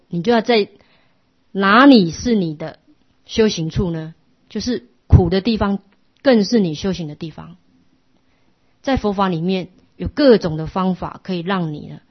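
A middle-aged woman, giving a patient, instructive Buddhist class lecture that often drops to a soft hush. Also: fairly low pitch. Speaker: Buddhist teacher. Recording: lo-fi muffled recording.

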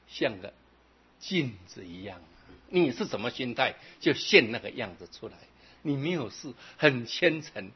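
A man giving a Buddhist sermon to a live audience. He talks in a lively, conversational way and slows down for drawn-out scripture recitation. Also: medium pitch, husky. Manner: animated and conversational, often adding "对不对". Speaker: Buddhist dharma teacher. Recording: dull lo-fi recording.

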